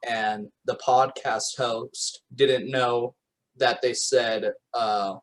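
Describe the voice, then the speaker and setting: A man's voice: medium pitch, fairly even intonation, very slow, rough recording. A man hosting a podcast in a casual, laid-back chat, saying "yeah, man". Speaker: podcast host.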